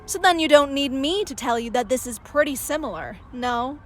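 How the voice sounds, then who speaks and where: An actress playing a serious, determined young journalism student in a video game, insistent and pointed. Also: female voice, sits high, animated, normal speed, a bit bright, slight background noise. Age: young adult.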